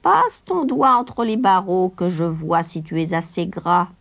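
A woman voicing a wicked, half-blind old witch with a shrill, drawn-out, scolding voice. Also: sing-song, creaky, exaggerated voice. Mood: gloating scolding.

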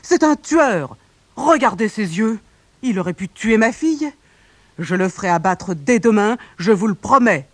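A reader voicing a loud bossy mayor. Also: male voice, very animated, moderate pace, no room sound. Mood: furious. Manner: loud, commanding, raised pitch. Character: pompous bossy rich middle-aged village mayor. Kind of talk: storybook reading.

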